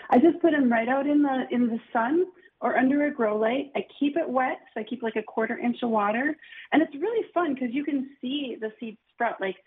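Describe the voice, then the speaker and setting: A woman's voice: sits high, brisk, breathy edge. A woman, a gardening guest talking casually and enthusiastically, lots of "like" in her speech. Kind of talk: casual radio call-in chat. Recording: tinny phone line.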